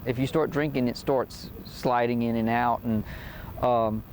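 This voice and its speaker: A man with a Cajun accent chatting in an interview, pausing to think and telling things in a loose, informal way. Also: medium pitch, fairly even intonation, a little mellow, a little hiss or hum, rough recording. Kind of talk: casual interview and joke telling.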